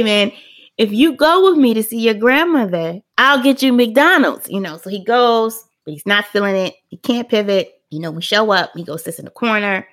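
A middle-aged woman hosting a parenting podcast, telling a family story in a casual, animated way, acting out the quotes and laughing often. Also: mid-range voice.

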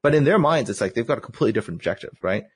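Animated, husky-voiced man ranting. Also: medium pitch, rapid-fire, dry recording. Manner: animated, exasperated storytelling with acted-out quotes. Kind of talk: casual chat.

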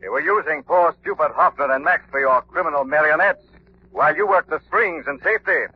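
Mysterious mocking vigilante, deliberate menace, dull vintage radio drama sound. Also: male voice, a little high, husky. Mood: taunting, menacing. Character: mysterious, mocking unseen male avenger. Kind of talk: old-time radio drama acting. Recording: muffled, hissy vintage radio recording.

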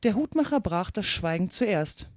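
A woman narrates a storybook aloud in a calm, measured podcast reading. Her voice sits at a middle pitch, and the recording is dry and close with no room sound. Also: no room sound. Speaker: podcast reader.

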